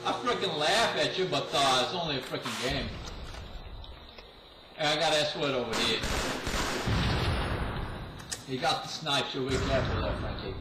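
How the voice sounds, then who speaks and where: A man's voice: medium pitch, animated, normal speed, long pauses, lightly acted. A man voicing a brash, trash-talking New York tough guy while playing a video game, with a put-on New York accent, laughing and mocking his rivals. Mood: gloating. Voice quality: laughs a lot, calls rivals mooks and goombas. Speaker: gamer. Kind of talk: trash talk over game voice chat. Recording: echoey, distant mic, clear noise.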